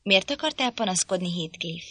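A woman voicing a proud, irritable young lady in an audiobook, speaking in a sharp, commanding, petulant way. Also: fairly low pitch, expressive, slightly rough, no echo, heavily acted. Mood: irritated. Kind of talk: audiobook reading.

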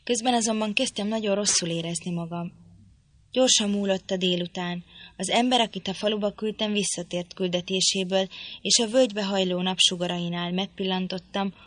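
A woman narrating a novel in an audiobook in a measured storytelling manner. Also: mid-range voice, fairly even intonation, fairly bright tone.

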